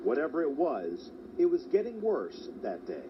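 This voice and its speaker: Lively news reporter man narrating. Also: mid-range voice. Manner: measured storytelling delivery. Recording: dull lo-fi sound, faint hiss.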